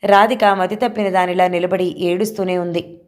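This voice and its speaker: A woman's voice: lowish voice, flat delivery, moderate pace. Woman reading a novel aloud. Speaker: audio novel narrator.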